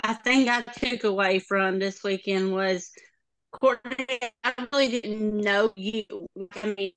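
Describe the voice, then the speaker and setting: A woman on a group video call whose connection is breaking up and freezing, talking in halting, restarting phrases. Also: medium pitch, steady tone, fairly bright tone, dry recording, rough recording. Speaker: team consultant on a group call.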